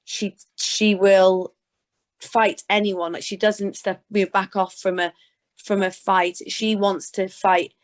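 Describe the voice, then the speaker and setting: This British interview guest, a sports presenter from Scotland and Gloucestershire, England, speaks slowly in a mid-range voice with little pitch movement. The chat is casual, and she answers informally and conversationally.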